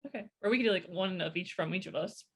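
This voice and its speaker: A young woman in her twenties co-hosts a casual podcast. Her voice is bright and forward, and she chats easily, laughing often as she tells her own stories. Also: on the low side, quick pace, slightly rough. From rural United States farming community. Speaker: podcast co-host.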